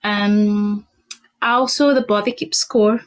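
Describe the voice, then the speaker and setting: A woman's voice: mid-range voice, slow pace. A young woman from Portugal, a native Portuguese speaker, talking casually as a podcast guest, thoughtful with many fillers and restarts. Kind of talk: casual interview chat.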